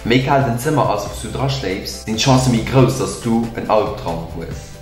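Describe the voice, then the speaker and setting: A man's voice: mid-range voice, moderate pace. A young adult man with a Luxembourgish accent, co-hosting a video and casually presenting facts and tricks. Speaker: video co-host. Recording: echoey room with music behind. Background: music.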